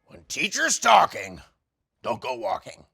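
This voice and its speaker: A man voicing an exuberant, boisterous young boy shark in a children's picture book, excitable and emphatic. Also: mid-range voice, a little slow, creaky, breathy edge, heavily acted. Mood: determined, sing-song.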